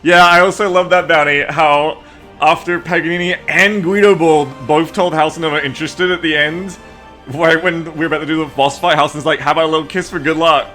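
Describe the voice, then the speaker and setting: Over music, a game streamer keeps up a casual, joking chat about the game, swearing freely. His voice is a little high and sharp, with a steady tone and fairly quick delivery.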